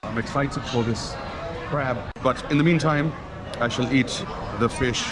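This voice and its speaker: A man from Kenya and Switzerland, a travel vlogger, talks on camera in an unhurried, medium-pitched voice while eating outside and at a restaurant. He is enthusiastic, eats as he speaks, and lists flavors throughout this casual tasting. A crowd can be heard behind him, and the recording quality is low.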